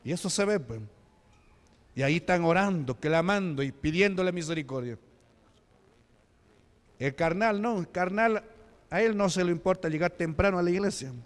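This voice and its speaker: A man with a Peruvian Spanish accent preaches a Pentecostal sermon as a deacon, his voice sitting a little high. He keeps asking the congregation questions as he goes. The sound rings with a long reverb in a church hall. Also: moderate pace, pauses often. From Peru. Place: church sanctuary.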